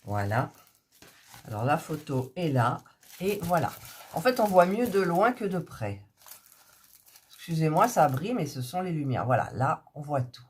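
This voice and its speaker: A woman's voice: sits low, sing-song, unhurried, pauses often, a little mellow, a little hiss or hum. A sick, coughing woman chatting casually to her subscribers, hesitant, with many fillers as she shows her craft kits. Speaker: hobby vlogger showing diamond painting kits.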